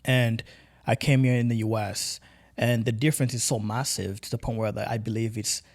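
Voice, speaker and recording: A man's voice: medium pitch, fairly even intonation, normal speed, a little mellow. A young man from Tanzania, a podcast guest, talking earnestly in casual conversation and often repeating words as he searches for what to say.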